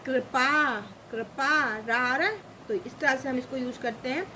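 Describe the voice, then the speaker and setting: Brief: high-pitched woman teacher, slow and patient, repeats each word, faint background noise. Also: animated, bright, forceful tone, rough recording. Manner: repeats each example word, asks the class questions. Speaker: grammar teacher. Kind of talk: slow spoken lesson.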